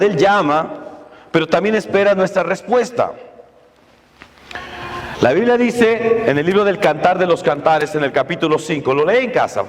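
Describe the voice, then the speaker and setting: A man preaching a sermon as pastor, often asking the congregation rhetorical questions. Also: sits high. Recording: long reverb of a church hall.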